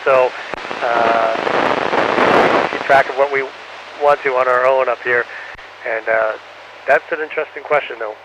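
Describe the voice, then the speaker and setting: An astronaut's medium-pitched, slightly bright voice, with fairly even intonation, reaches students over a radio link from the space station. The signal is muffled and breaking up, with faint static. He talks haltingly with frequent fillers and ends every answer with "over".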